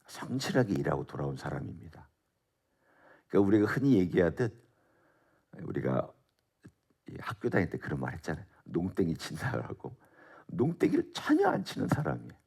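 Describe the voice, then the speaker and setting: This middle-aged pastor's deep, gravelly voice is darkish and slightly rough, with huge pitch swings, a brisk pace, and long pauses. He gives a conversational expository Bible sermon at a dawn prayer service, posing rhetorical questions to those listening.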